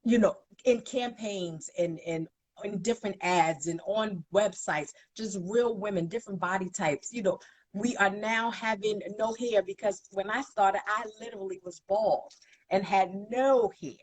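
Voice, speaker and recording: A sassy, emphatic woman in her forties with a Brooklyn accent talks as a guest in a casual interview. Her voice is husky and a little breathy. The sound is dry and close. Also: mid-range voice, normal speed, darkish tone, no echo. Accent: Brooklyn New York. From Bed-Stuy, Brooklyn, USA. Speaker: guest, plus-size model.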